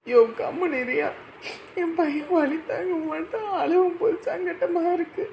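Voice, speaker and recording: A woman's voice: very high voice, normal speed, vocal fry, a little mellow. An anxious young mother, played by an actress,. She sounds worried and close to tears. Faint noise sits behind her. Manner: anxious, tearful. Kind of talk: village family drama acting.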